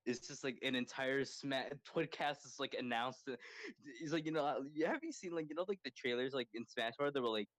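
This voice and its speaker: A man co-hosts a casual podcast chat, rambling excitedly and packing his sentences with "like". His voice sits at an ordinary male pitch. The recording is dry and close, with no room sound around him. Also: normal speed, no echo. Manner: rambling, excitable, filler-heavy with constant "like". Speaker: podcast co-host.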